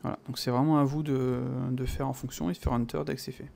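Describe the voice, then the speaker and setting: A man with a French accent talking through a software tutorial in a casual, chatty way, full of fillers and little sound words. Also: medium pitch, level tone, fast talker, vocal fry. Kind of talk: casual screen-recorded tutorial.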